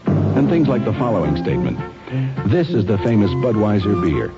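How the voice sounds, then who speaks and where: A man reading a 1970s radio commercial as an announcer, measured and assured. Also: lowish voice, sing-song. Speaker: beer advertisement announcer. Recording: dull old radio broadcast, loud music.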